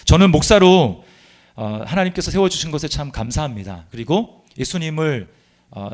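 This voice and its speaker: Middle-aged guy pastor preaching in church, a bit high-voiced, earnest and confessional, gets loud on key points. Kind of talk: sermon. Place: church sanctuary.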